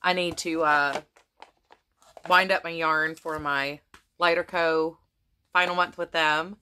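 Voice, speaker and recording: A woman's voice: deep voice, fairly even intonation, takes it slowly, sharp tone, smooth. Chatty woman with a fading voice. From United States. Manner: rambling, many ums and restarts. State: losing her voice. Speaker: crafting vlogger. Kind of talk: casual chat to camera.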